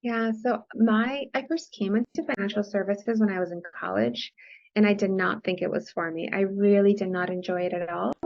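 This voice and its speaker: A medium-pitched woman, a financial coach appearing as a guest, explains money matters enthusiastically in a conversational interview, often ending sentences with "right?". Spanish is her first language, and she grew up on the US-Mexico border. The podcast audio is dull and lo-fi.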